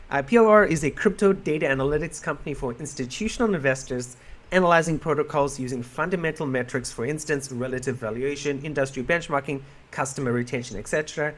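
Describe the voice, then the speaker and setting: A man with a somewhat high voice hosts an interview podcast. He introduces the guest and asks questions in a friendly, upbeat way. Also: fairly bright tone. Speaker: podcast host.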